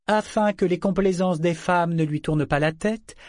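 A man's voice: high-pitched, moderate pace, a little mellow, no room sound, studio quality, voice pushed up, natural voice. A man voicing a proud, defiant woman counselor who speaks ceremoniously and coldly. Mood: reciting. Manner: ceremonious, cold, reciting formally.

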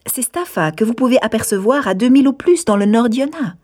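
A woman reading aloud, voicing a calm young gentleman who lays out a plan in a reassuring, matter-of-fact way. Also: fairly high pitch, fairly quick, pitched above the performer's own voice.

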